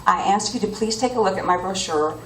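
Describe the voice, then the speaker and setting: A woman's voice: medium pitch, brisk, background noise. A woman giving an earnest, appealing campaign speech as a political candidate. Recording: echoey room from far off.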